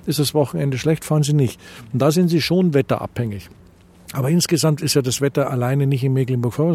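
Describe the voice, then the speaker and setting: A dark-toned, mid-range voice belongs to a middle-aged man from Bavaria who speaks with the local accent. As president of a tourism association, he responds to interview questions haltingly, filling gaps and starting over often.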